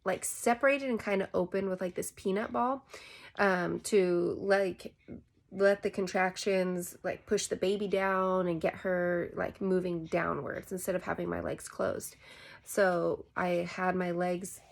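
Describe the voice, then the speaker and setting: A woman's voice: lowish voice, steady tone, measured pace, creaky. A young woman vlogger telling a personal story in a casual, chatty way, full of "like" fillers. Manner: chatty, heavy use of "like" fillers.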